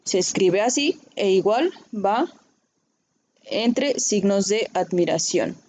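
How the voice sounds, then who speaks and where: A woman's voice: mid-range voice, expressive, takes it slowly, a little mellow. A woman teaching a writing class, explaining patiently and often checking in with her students. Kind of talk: recorded online class.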